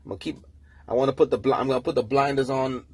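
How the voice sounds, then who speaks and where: Profane, husky man ranting on a podcast. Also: mid-range voice, racing, dry recording. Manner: profane, animated storytelling. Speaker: podcast host. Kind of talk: casual solo rant. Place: room, early morning.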